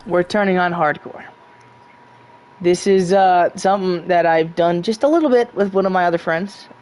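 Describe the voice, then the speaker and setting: A man's voice: high voice, normal speed, a little mellow, clear, resonant tone. A young man streaming a survival game, swearing often and rambling casually. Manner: profane, rambling, self-mocking. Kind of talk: casual gameplay commentary.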